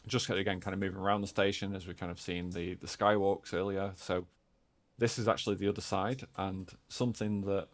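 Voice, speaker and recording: A game developer explaining footage, speaking hesitantly with many fillers. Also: male voice, sits low, little pitch movement, fairly quick. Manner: hesitant, full of hedging fillers.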